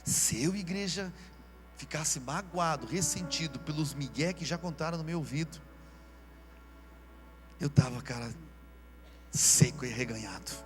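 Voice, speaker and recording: A Brazilian man preaching a sermon at a live church service, in a casual, slangy way that swings from quiet asides to shouting. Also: a little high, measured pace, long pauses, music in the background. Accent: Brazilian Portuguese. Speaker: pastor.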